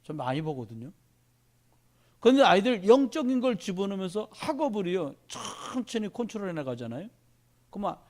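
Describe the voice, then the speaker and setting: Male pastor, middle-aged, high and very animated delivery, sermon in church. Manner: animated preaching, addresses congregation directly.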